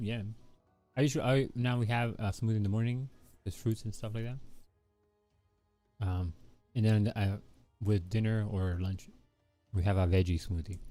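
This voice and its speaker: Laid-back low-voiced man chatting while drawing. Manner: relaxed, rambling, many fillers like "you know" and "like". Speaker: livestreaming artist. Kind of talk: casual chat while drawing live. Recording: soft background music.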